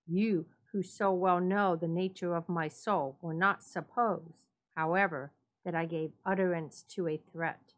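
Woman reading a story in measured tones. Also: fairly low pitch, steady tone. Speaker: narrator.

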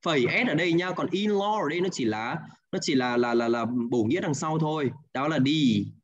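Patient Hanoi teacher on a dull line. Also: male voice, on the high side, lively intonation, a little fast. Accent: Hanoi Vietnamese. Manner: patient, repeats answers, ends with "đúng không ạ?". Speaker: English teacher. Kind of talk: online class, guiding students through exercises.

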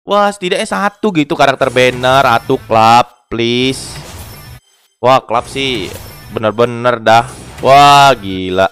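A man giving casual, excitable commentary on game gacha pulls, groaning, pleading and talking to his viewers. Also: medium pitch, slow pace, soft background music. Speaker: gaming YouTuber.

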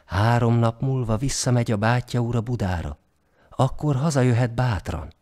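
A man voicing a loyal, gentle old male servant in a storybook tale, speaking in a hushed, soothing way. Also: medium pitch, lightly acted.

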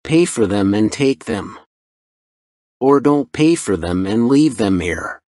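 A man's voice: on the low side, expressive, takes it slowly, a little mellow, no echo, studio quality. A man doing a stubborn, rule-bound clerk. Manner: firm and stubborn. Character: stubborn male express agent, firm.

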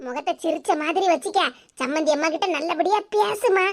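A woman with a Tirunelveli Tamil accent voicing a scheming, bossy grown daughter in a cartoon, in a low, hushed, conspiratorial voice. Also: brisk.

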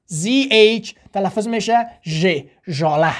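A woman with an Afghan Dari accent teaching a spoken language lesson, slowly repeating words for drill and asking and answering her own questions. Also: mid-range voice. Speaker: English teacher.

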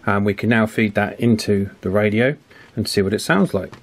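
A man speaking on the low side at normal speed demonstrates radio alignment as an electronics hobbyist, thinking aloud in a casual hands-on tutorial. He works at an indoor workbench, and its background noise is clearly heard.

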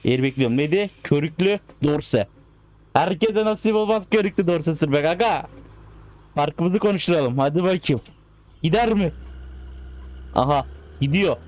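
A man giving casual, excitable commentary while playing a driving game, coaxing the cars along as if they were pets. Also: on the high side, normal speed, long pauses. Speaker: gaming channel host.

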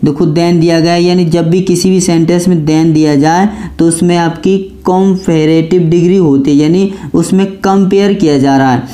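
A man teaching an exam-prep grammar class in a soft, mellow voice. He poses questions to himself and answers them at once, and he hammers each rule home by saying it again. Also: a little high, steady tone, normal speed, hardly any pauses. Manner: repeats key points over and over.

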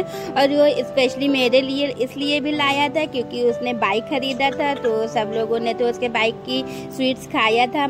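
Female vlogger, slightly high chatty voice-over, music clearly under it. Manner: chatty, keeps addressing viewers as friends. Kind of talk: family vlog voice-over narration.

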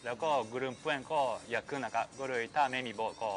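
A native Japanese man with a Japanese accent, coaching casually in a foreigner's simple, imperfect, halting speech. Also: mid-range voice, fairly bright tone, slight background noise. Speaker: surf skate coach and professional surfer. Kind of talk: casual explanation on a live show.

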